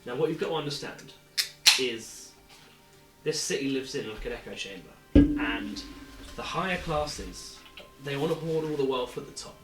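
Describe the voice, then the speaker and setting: A man voicing a brooding male agitator in a pub, speaking with a put-on Nordic accent in a low, insistent way. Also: animated, moderate pace, pauses often, close to an everyday voice. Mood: urgent. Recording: echoey room with faint music.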